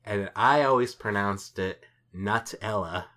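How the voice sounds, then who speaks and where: A man's voice: fairly low pitch, unhurried, sharp tone. A man in his mid-twenties, a podcast co-host rambling through a funny story in casual chat and laughing as he goes. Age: mid-20s. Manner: rambling, laughs while telling stories.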